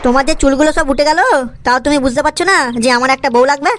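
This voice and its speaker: Brief: woman doing a lazy young cartoon guy, high, rapid, whiny and cheeky. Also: background noise, natural voice. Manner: whiny and cheeky, corrects his father's English. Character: lazy whiny young man pestering his father. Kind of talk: cartoon comedy voice acting.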